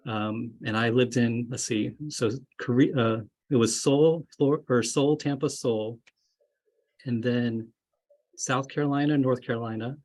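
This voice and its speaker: A man in his thirties with a medium-pitched, slightly slow and somewhat mellow voice speaks casually to incoming students on a video call. He's an associate dean who grew up moving around, mostly in Florida, and his webinar talk is friendly and rambling, full of fillers, recorded indoors at home or in an office.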